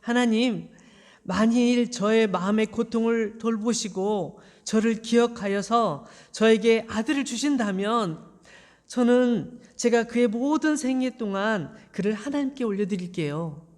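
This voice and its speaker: A woman's voice: a little high, lively intonation, unhurried, darkish tone, long reverb tail. A woman voicing a grieving wife, pleading earnestly.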